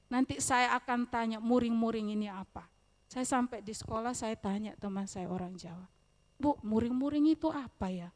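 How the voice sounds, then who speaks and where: A woman evangelist giving a church sermon, lively, with loud rising questions and quiet asides. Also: medium pitch. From eastern Indonesia. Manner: addresses listeners as "saudara", speaks with humor. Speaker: evangelist preacher. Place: church service.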